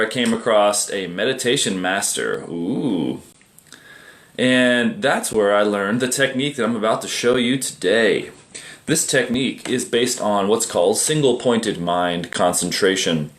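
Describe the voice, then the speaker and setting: A middle-aged man teaching meditation in a relaxed, conversational way, often asking rhetorical questions. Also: mid-range voice. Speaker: meditation teacher and group admin. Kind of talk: casual livestream meditation talk.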